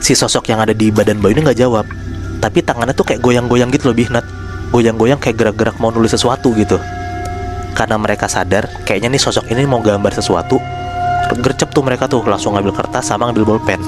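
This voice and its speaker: A man with a fairly low voice spins a horror story in a loose, chatty podcast style, slipping in slang and calling his co-hosts by name. Soft music plays behind him. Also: fast talker. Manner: relaxed and chatty, addresses listeners by name, slangy. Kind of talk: casual spoken storytelling.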